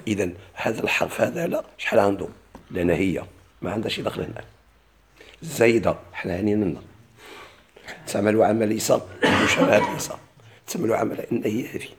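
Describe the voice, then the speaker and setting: A man's voice: lowish voice, fairly quick, long pauses, a little hiss or hum. A man with a Moroccan Arabic accent teaching a classical grammar lesson. He keeps asking his class questions and then answering them himself.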